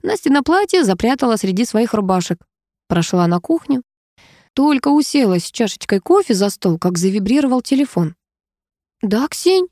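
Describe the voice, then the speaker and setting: A woman reading a first-person novel aloud with lively, expressive storytelling. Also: fairly high pitch, a little fast, no echo, studio quality. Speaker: audiobook narrator.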